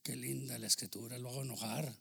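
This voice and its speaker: A man preaching a sermon as pastor, swinging between loud exclamations and low asides. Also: steady tone, quick pace, vocal fry, breathy edge.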